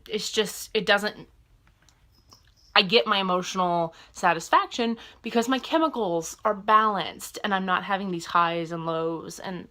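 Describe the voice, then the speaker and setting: A woman in her twenties speaks to her camera in a casual personal vlog. She rambles openly and corrects herself mid-thought. Her voice sits a little low but has a bright, forward edge. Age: 20s. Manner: rambling and candid, self-correcting mid-sentence. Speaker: vlogger.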